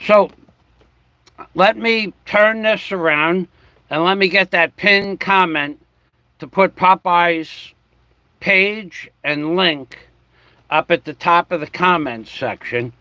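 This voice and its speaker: A man from the New York and New Jersey area rambles through a casual livestream, drawling along at an unhurried crawl and spelling out words letter by letter. His voice sits a little higher than most men's, and it comes across close and dry, with no room sound around it. He keeps talking while he fiddles with his camera setup. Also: pushed and bright, no echo. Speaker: livestream host.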